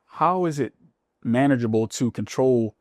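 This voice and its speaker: A man's voice: mid-range voice, measured pace, darkish tone, no room sound. Curious male podcast host, dry and close. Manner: friendly and curious, asks questions and agrees a lot. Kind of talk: casual interview.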